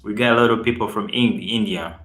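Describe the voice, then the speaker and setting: A man with a Ugandan accent hosts a relaxed live stream, chatting to viewers and reading their comments aloud. His voice sits fairly low and sounds roomy, with echo from the space around him. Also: a little fast. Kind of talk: casual live-stream chat.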